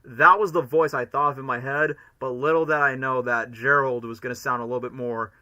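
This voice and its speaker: A man's voice: mid-range voice, steady tone, fairly quick, bright, forceful tone. A man giving casual, chatty reaction commentary as a streamer. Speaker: streamer, cosplayer.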